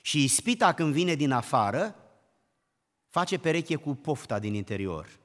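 A man preaching a sermon, emphatic, climbing to loud exclamations and then dropping low. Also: big pitch swings. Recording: long hall reverb.

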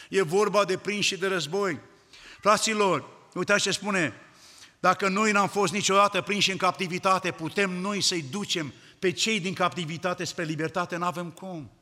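High, bright-voiced fervent male preacher. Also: in a large hall. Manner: fervent, rising to loud declamation. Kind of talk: sermon.

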